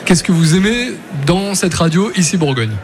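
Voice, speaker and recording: On location at a trade fair, a radio game show host runs a quiz in a chatty, playful manner, teasing and keeping it informal. His high-pitched voice is animated and moves at a moderate pace, with music playing behind him.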